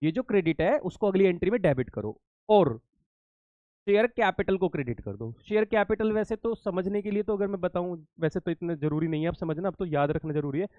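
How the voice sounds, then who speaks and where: A man's voice: sits high, animated, a little fast, dry recording, phone-quality sound. A male accountancy teacher giving an exam-prep lesson to students, repeating key points, checking that they follow and calling them kids.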